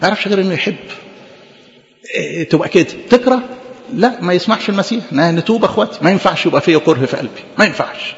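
Give me a rapid, high-pitched Egyptian preacher, lively and questioning, in a dull reverberant hall recording. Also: male voice, gravelly. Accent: Egyptian Arabic. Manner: animated, conversational, rhetorical questions. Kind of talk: sermon.

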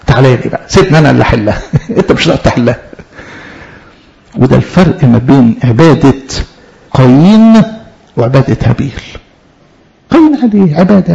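Animated Egyptian preacher man, gravelly voice. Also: on the high side. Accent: Egyptian Arabic. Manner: animated, rhetorical questions, laughs often. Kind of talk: sermon. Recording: dull lo-fi sound.

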